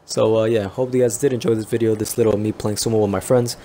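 A young man giving casual, rambling commentary over a video game, chatting to viewers and breaking into excited yelps and laughs. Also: on the low side, fast talker, slight background noise. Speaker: gaming YouTuber.

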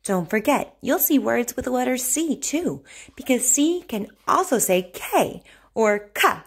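A woman speech therapist leading a repeat-after-me word drill for children, over-enunciating each word slowly and deliberately. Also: on the high side, animated, breathy edge.

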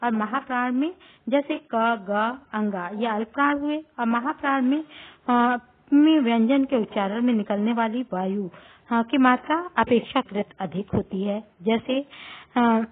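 Female teacher, slightly high husky voice, halting explanatory delivery with repeats, thin phone-like audio. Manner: halting, repeats terms and pauses on drawn-out fillers. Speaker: school Hindi grammar teacher. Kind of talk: classroom lesson explanation. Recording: tinny phone-like recording.

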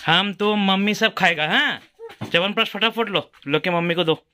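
A man's voice: high-pitched, normal speed, pushed and bright, a little hiss or hum. A man filming a home vlog, patiently coaxing his young daughter with the same questions again and again. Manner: coaxing, repeats questions over and over. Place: home, indoors.

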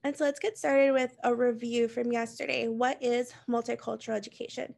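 A woman in her thirties from Puerto Rico, a music teacher presenting an online teacher workshop over a video call in a calm, earnest way. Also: fairly high pitch, a little fast, creaky. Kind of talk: online professional development presentation.

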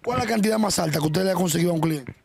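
A man's voice: high voice, racing, gravelly, slightly rough, no room sound. A Dominican man with a Dominican Spanish accent interviewing a guest, asking probing questions and stammering on repeated words. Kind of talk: casual interview.

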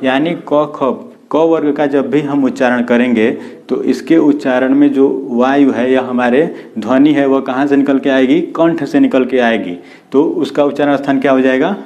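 A man's voice: medium pitch, steady tone, moderate pace, a little mellow, lo-fi sound. A man teaching a video lesson. He asks questions and answers them himself, and sounds out letters one at a time. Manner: repeats questions and answers them himself, often says "दोस्तों". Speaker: Hindi grammar teacher. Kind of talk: classroom-style video lesson.

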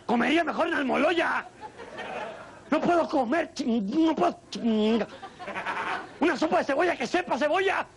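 Man doing a furious Mexican dad yelling at dinner. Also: extremely high pitch, normal speed. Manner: shouting, bossy, sarcastic. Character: loud furious middle-aged father ranting at dinner.

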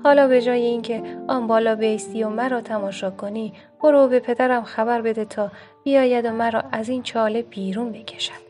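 A woman's voice: fairly high pitch, steady tone, a little mellow, faint music behind, close to an everyday voice. A woman voicing a proud wolf stuck in a pit, speaking in a pleading, coaxing way.

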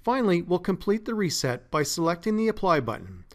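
A man narrating a scripted step-by-step tech tutorial as a support engineer, in a steady, methodical way. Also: high voice, a little fast. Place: voice-over, not recorded in the pictured place.

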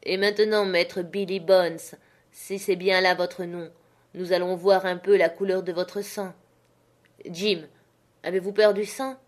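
A brisk country doctor gives orders calmly and waves off alarm, read by a woman narrator. The tone stays matter-of-fact and firm, close to a plain reading voice. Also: fairly low pitch, lightly acted.

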